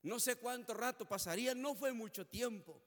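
A man's voice: extremely high pitch, moderate pace, a bit bright. A man giving an earnest, emotional testimony as a preacher, rising into fervent prayer. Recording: long hall reverb.

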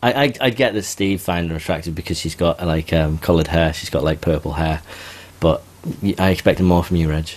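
A man's voice: low-pitched, fairly quick, hardly any pauses. A young man hosting a casual podcast, talkative and teasing, often stammering as he restarts a sentence. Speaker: podcast host. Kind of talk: casual chat.

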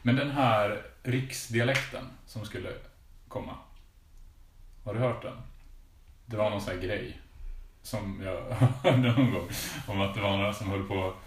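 A man's voice: on the low side, pauses often, recorded from a distance. A man, co-hosting a podcast in casual chat and dropping dry, joking asides. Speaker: podcast co-host. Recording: roomy, set back from the mic, faint noise.

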